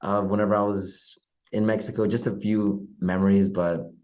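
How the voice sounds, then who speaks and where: A man's voice: on the low side, level tone, moderate pace, a little mellow. A young man in his twenties from Oklahoma, a guest in a casual video-call interview, friendly and easygoing with many fillers. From Oklahoma, USA. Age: young adult. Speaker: guest, politician. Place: bedroom at home.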